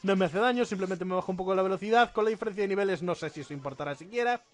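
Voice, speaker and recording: A man's voice: high voice, very fast, over music. A man giving joking let's play commentary, often breaking into laughter. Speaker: gaming YouTuber.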